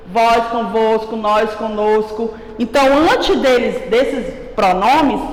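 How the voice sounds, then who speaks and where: A woman teacher with a Brazilian accent giving a patient grammar lesson to children, checking in with "right?" as she goes. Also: on the high side. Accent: Brazilian Portuguese. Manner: slow, patient, calls herself "a tia", checks with "certo?". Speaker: primary school teacher. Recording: echoey room with long reverb.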